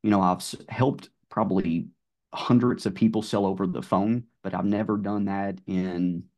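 A middle-aged man with a Southern drawl, telling his car sales story in a relaxed podcast chat full of fillers. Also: on the low side, moderate pace, highs cut off. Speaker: guest, car sales manager. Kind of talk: casual podcast conversation.

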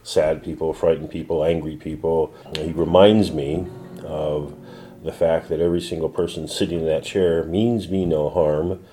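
Deep, mellow-voiced reflective man. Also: fairly even intonation, soft background music. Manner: reflective, measured, with pauses and restarts. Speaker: defense attorney, former prosecutor. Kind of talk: personal storytelling in an interview. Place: his law office.

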